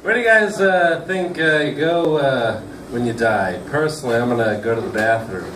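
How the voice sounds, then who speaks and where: A young stand-up comedian with a mid-range voice delivers deadpan one-liners on a small club stage, filling the gaps with plenty of uh's. He uses a stand mic, but the sound comes from a camera at the back of the room, so it's roomy and distant with loud crowd noise.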